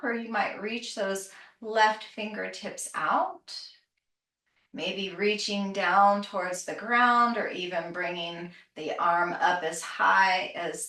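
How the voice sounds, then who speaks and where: Very slowly and in an unhurried, soothing way, a yoga teacher guides a calm grounding exercise with cues for breath and movement. Her medium-pitched voice is gentle, and the recording has a roomy echo with the mic set somewhat distant.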